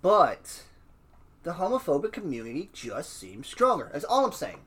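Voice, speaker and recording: A young man in casual podcast chat, telling stories in an animated, swearing, trailing-off way. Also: a little high, moderate pace, a crowd in the background.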